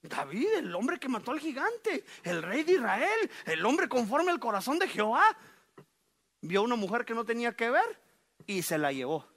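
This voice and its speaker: A middle-aged man preaching a sermon as pastor, animated and joking, speaking straight to the congregation. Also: extremely high pitch, moderate pace. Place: church sanctuary.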